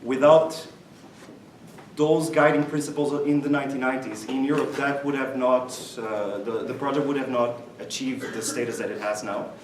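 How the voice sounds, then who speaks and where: A man's voice: medium pitch, fairly even intonation, moderate pace, distant mic, a little hiss or hum. Reflective man speaking from across an echoey room. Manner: reflective, self-deprecating humor. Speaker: interview guest. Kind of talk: conversational interview answers.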